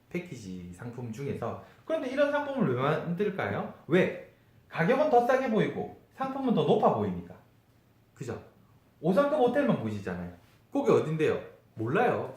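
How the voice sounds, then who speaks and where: A man with a nasal, stuffed-up voice explaining things informally like a travel YouTuber, often posing questions and answering them himself. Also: fairly high pitch. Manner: conversational teaching with rhetorical questions. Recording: echoey room.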